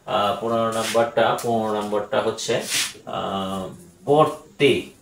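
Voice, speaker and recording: A man with a Bangladeshi Bengali accent teaching a grammar lesson, speaking slowly and deliberately, repeating each word and often pausing on "ah". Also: fairly low pitch, steady tone, creaky, echoey room, background noise.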